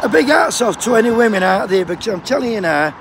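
Quick, animated and creaky, his voice sits high as he jokes with passers-by on the picket line. He's a postal union striker from Sheffield with a Yorkshire accent, cold and swearing without restraint. Passing traffic from the busy road dominates this noisy outdoor vlog chat.

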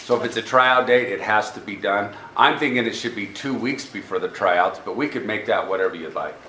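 In an echoey public board meeting room with faint background noise, an American school district staff presenter delivers an informal report and takes questions. His fairly low voice is bright and forceful, moving a little fast.

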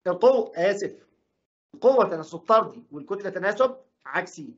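A man with an Egyptian Arabic accent teaching a physics lesson, asking questions and answering them himself. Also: high voice. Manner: asks questions and answers them himself, voices imagined student objections. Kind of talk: recorded classroom lesson. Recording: dull lo-fi recording.

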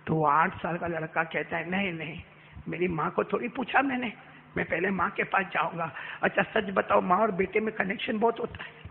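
A man's voice: high-pitched, normal speed, vocal fry, phone-quality sound, slight background noise. A man preaching a sermon in a mosque, telling a story dramatically, acting out the characters and calling on the crowd to respond. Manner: dramatic, acts out characters, swings from soft to shouting.

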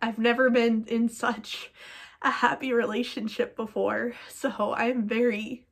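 Young woman vlogger, kinda high voice, rambly, lots of likes and ums, teary. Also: little pitch movement, measured pace, creaky, breathy edge. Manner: emotional, rambling, with many fillers. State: teary-eyed. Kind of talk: personal vlog talking to camera.

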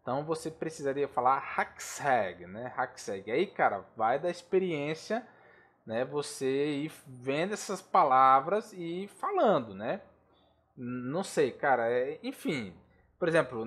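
A Brazilian man explaining aviation charts in a casual, slangy tutorial, constantly checking in with the listener. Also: on the high side. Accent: Brazilian Portuguese. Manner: chatty and informal, slangy asides, checks in with the listener often. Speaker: air traffic control instructor. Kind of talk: casual screen-share tutorial.

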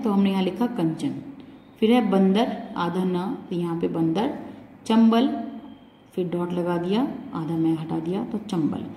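A woman's voice: mid-range voice, mellow. A woman teacher patiently explaining a Hindi grammar lesson to children step by step, checking in often. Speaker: school teacher. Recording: roomy echo with long reverb, faint background hum.

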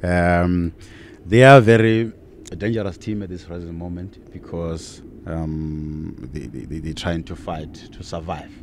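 A middle-aged man co-hosting a football podcast outdoors, relaxed and laughing often, repeating words as he talks, speaking into a mic on a stand. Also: deep voice, a little slow, slight background noise. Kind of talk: casual football talk. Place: outdoors on a sunny football field. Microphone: handheld mic on a stand.

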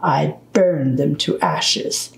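Slow, gravelly woman reading a storybook. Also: sits low, echoey room, rough recording. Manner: slow, deliberate, gentle storytelling. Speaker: storytime reader. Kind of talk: reading a children's book aloud.

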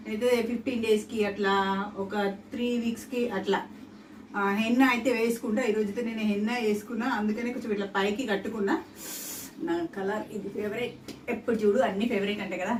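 A woman's voice: medium pitch, slight background noise. A woman with a Telangana Telugu accent chats casually while cooking, rambling along and repeating herself. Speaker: home cooking vlogger. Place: indoor home kitchen. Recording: roomy, distant mic, clear kitchen sizzle. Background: sizzling oil, clattering pots and pans.

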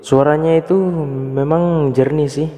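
A man's voice: fairly high pitch, fairly even intonation, a little slow, mellow. A man demonstrating a sound card, testing his mic with a heavy echo effect turned up. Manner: repeated mic checks between short remarks. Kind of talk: casual product demo and mic testing. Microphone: mic through a sound card, with a headset. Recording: long hall-like echo from the effect.

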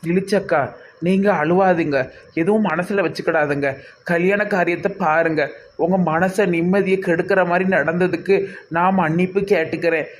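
A man voicing a stern, high-voiced village panchayat leader with a Tirunelveli accent. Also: fairly even intonation, normal speed, a little hiss or hum, lightly acted. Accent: Tirunelveli Tamil. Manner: commanding, threatening.

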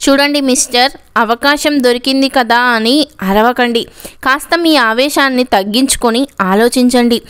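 A woman voicing a stern woman hostel warden in an audio story, sharp and scolding. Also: a little high, normal speed, clear, resonant tone, close to an everyday voice.

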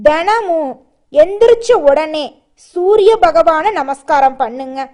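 A woman with a Tamil accent giving brisk, colloquial advice on home worship. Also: extremely high pitch, darkish tone. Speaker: astrology presenter. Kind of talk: spiritual advice talk.

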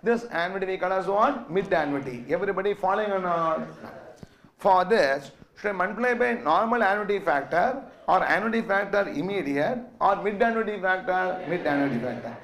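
Higher-voiced South Indian man lecturing. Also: lively intonation, normal speed, fairly bright tone. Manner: repetitive, asks and answers own questions. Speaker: finance lecturer. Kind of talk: classroom lecture with dictation and check questions.

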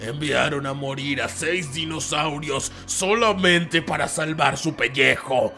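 A man's voice: a little high, unhurried, bright, forceful tone, faint music behind, voice pushed down. A man voicing an evil, embittered Allosaurus as an ominous, gloating unhinged villain in a dramatic toy-dinosaur story. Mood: cold menace. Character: menacing evil Allosaurus, embittered, cruel predator.

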